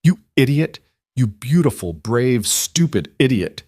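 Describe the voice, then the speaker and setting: A man's voice: mid-range voice, sing-song, measured pace, darkish tone, no room sound, clean studio sound, voice pushed up. A man voicing a frightened but fierce young woman outcast in an audio story, speaking urgently and pleadingly. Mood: frantic.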